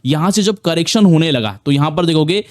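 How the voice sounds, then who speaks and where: A man's voice: a little high, expressive, brisk, dry recording, studio quality. A man giving a casual, repetitive screen-share trading tutorial, full of fillers and restarts. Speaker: trading educator.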